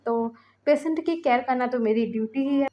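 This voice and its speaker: A woman reading the lines of a calm young male doctor, in a fan fiction reading. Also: high voice, fairly quick, muffled recording, lightly acted.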